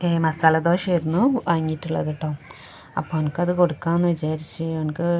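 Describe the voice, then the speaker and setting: A woman's voice: lowish voice, slight background noise. A woman, a mother narrating a casual vlog from a hospital room in a chatty style that keeps adding little tag words. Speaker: vlogger, mother of the patient.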